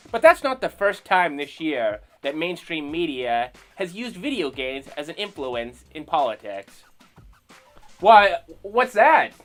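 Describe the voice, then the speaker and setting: A man hosting a comedy commentary show, mocking and sarcastic, with quick animated asides. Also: on the high side.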